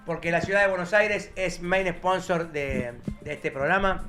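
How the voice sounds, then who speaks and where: A man from Argentina with a Rioplatense accent, hosting a casual live-stream chat in a loud, joking way. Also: sits high, steady tone, normal speed, over music. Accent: Rioplatense Spanish. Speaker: host.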